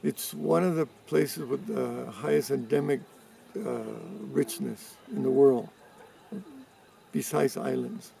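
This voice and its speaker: A man in his seventies from Cuba, giving interview answers in a measured way with pauses and restarts. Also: mid-range voice, steady tone, creaky, a crowd in the background. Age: 70s. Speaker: interviewee, environmental activist. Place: rural farm in mountains. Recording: distant mic with faint background noise.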